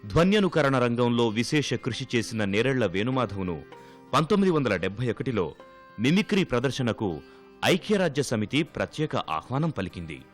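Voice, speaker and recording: A man's voice: medium pitch, big pitch swings, normal speed. A man reading scripted documentary narration, steadily listing dates and honors. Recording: narration with soft music underneath.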